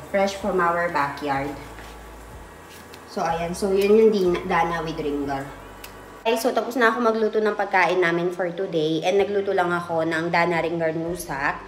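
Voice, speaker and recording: Young mom vlogger cooing at her baby. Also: slight background noise. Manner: cooing, high sing-song baby talk to her son. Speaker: vlogger and mother. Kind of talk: casual family vlog chat.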